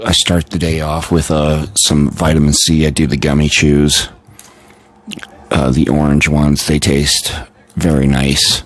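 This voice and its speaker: A man with a very deep voice talks casually on a live stream, tired and yawning. His delivery stays low and flat as he rambles on with many fillers and restarts.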